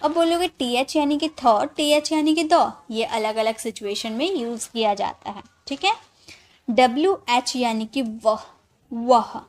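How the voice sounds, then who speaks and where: High-voiced woman teaching spelling patterns. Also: expressive, measured pace. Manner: explains patiently, spells letters aloud and repeats words; often checks in with the viewer. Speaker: English teacher. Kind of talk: spoken phonics lesson.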